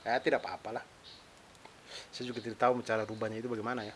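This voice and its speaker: Rapid-fire and level in tone, a young man with a lowish voice delivers a chatty, self-deprecating monologue on his own podcast. The stand-up comedian hails from East Nusa Tenggara, Indonesia, and has a mixed eastern Indonesian accent; the audio carries faint hiss.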